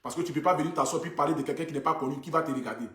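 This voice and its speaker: This influencer talks very fast in a fairly high, fairly bright voice that reverberates around him as he sits indoors on a casual phone livestream. Earnest and prone to repeating himself, he scatters fillers like "voilà" and "donc du coup" throughout.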